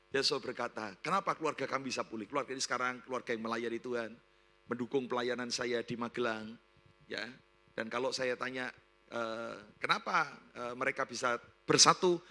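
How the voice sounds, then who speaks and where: Man, pastor, very bright voice, sermon storytelling, dramatic voice swings. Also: a little fast, low-quality recording. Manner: animated, acts out the people in his story in raised and lowered voices; calls the congregation "saudara" again and again.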